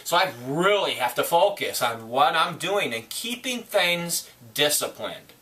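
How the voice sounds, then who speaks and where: An excitable man in his forties rambles through a motivational monologue, cursing freely and breaking into shouts. His voice is bright and forceful and sits fairly high for a man. He sounds a little away from the mic. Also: unhurried, distant mic. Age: 40s. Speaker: collector vlogger. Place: indoor collection room.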